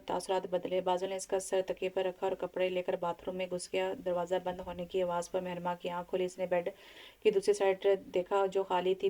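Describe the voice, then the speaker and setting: A woman's voice: medium pitch, warm tone. A woman narrating a romance audio novel, reading steadily and often restarting words. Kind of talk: scripted narration.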